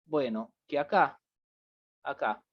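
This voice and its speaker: A man's voice: medium pitch, slow, breathy edge. Man teaching code, dull lo-fi audio. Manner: thinks aloud while typing, many fillers like "fíjense" and "bien". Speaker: programming teacher. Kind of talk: live-coding class explanation.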